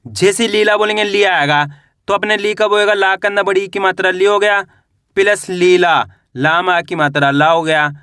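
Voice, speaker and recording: A man teaching a beginners' Hindi reading lesson, spelling words slowly syllable by syllable and asking the class to repeat. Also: sits high, bright, forceful tone, smooth, dry recording, studio quality. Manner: addresses viewers as friends.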